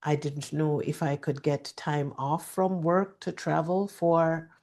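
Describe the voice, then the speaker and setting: A middle-aged woman, speaking softly and gently with deliberate pauses, like a host guiding a calm reflection or telling a personal story. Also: low-pitched. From Jamaica. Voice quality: soft. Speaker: podcast host. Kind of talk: reflective personal storytelling with calming guided-meditation delivery.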